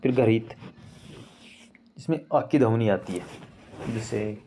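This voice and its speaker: Gravelly-voiced man teaching grammar. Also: fairly low pitch, mellow, slight background noise. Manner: explains slowly, repeats examples, calls viewers friends. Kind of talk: casual screen-share lesson.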